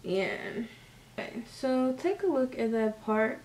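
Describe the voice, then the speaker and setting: A woman's voice: a little high, expressive, takes it slowly, darkish tone, slight background noise. Chatty woman doing a hair how-to at home, roomy sound, camera kinda far off. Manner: chatty, loose, lots of fillers and slang. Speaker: hair tutorial vlogger. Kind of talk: casual how-to vlog. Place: room at home. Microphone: camera set up at a distance. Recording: roomy, camera mic from a distance.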